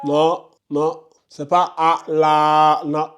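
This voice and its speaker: Higher-voiced man scolding a class. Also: little pitch movement, extremely slow, a bit bright, faint music behind. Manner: questions students by name, scolding and insistent. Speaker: Quran recitation teacher. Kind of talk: live classroom lesson.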